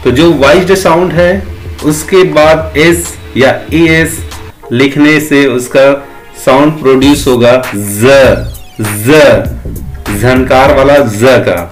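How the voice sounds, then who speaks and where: A man teaching English pronunciation in a slow lesson, saying single sounds and words one at a time in drills. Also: mid-range voice, soft background music.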